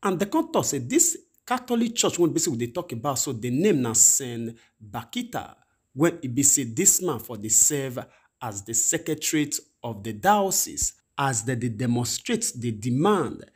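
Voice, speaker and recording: Male host, Nigerian Pidgin accent, husky, rambling news voice-over. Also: medium pitch, very animated, moderate pace. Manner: rambling, repetitive phrasing. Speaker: channel host.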